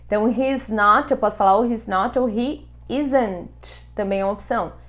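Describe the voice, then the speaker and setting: A young woman teaching an English grammar lesson with a voice a little higher than most. Her first language is Portuguese, and she explains each rule in a lively way. She slows down carefully whenever she says an English example sentence.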